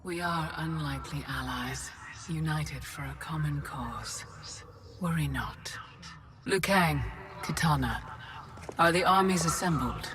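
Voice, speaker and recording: An actress playing a regal, sinister sorceress in a video game, speaking in a formal, imperious and measured way. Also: female voice, sits low, animated. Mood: composed, sinister. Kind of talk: dramatic video game acting.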